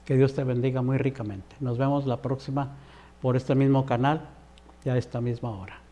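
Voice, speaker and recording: A man's voice: mid-range voice, flat delivery, moderate pace, dark tone. A man preaching an earnest televised sermon, exhorting the viewer directly.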